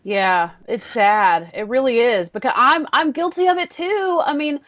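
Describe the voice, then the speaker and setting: A woman co-hosts a podcast, chatting casually and poking fun at herself. Her voice is a little high and sounds dry and close, with no room sound. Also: measured pace, a bit bright, no echo. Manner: chatty, laughing, self-mocking. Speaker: podcast co-host. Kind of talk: casual chat.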